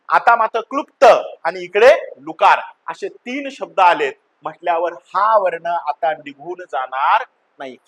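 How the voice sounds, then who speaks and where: A man with a high, fairly bright, slightly rough voice teaches grammar in classroom style. Speaking to his students as children, he sings out the vowels one by one and responds to his own questions.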